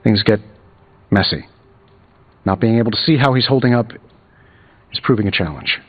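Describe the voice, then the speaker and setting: A man's voice: lowish voice, expressive, moderate pace, no room sound, dull audio. A man playing a cocky, wisecracking genius inventor superhero in a video game, with a glib, sarcastic delivery. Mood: concerned, wry. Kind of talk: video game dialogue, quippy banter.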